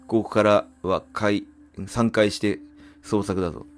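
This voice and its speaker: A man's voice: on the low side, steady tone, unhurried, lightly acted. A man voicing a stern, protective senior onmyoji in a game, with solemn, archaic, commanding speech. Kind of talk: game dialogue read in character. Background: game music.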